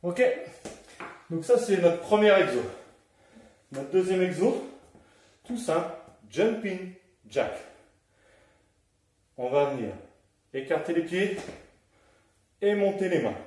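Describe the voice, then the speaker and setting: Slowly and pausing often, a high-pitched man with a little mellowness and lively intonation coaches a home workout. Slightly out of breath as he exercises along, he counts down and encourages; the room at home is very echoey and the mic distant.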